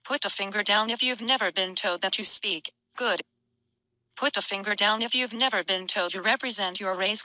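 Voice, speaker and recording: Bright, dry-sounding woman reading prompts. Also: medium pitch, dry recording, poor audio.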